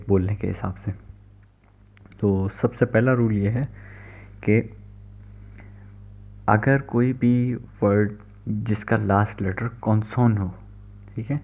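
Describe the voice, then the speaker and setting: Lower-voiced man teaching over a tinny line. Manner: explains patiently, repeats "theek hai" often. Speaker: language teacher. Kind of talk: recorded lecture. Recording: tinny phone-like recording.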